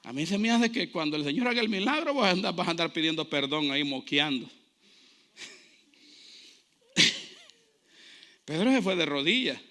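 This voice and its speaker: A male pastor preaching a sermon with passion. His delivery keeps building up to loud shouts. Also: fairly high pitch, big pitch swings, normal speed, long pauses. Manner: impassioned preaching, rising to shouts.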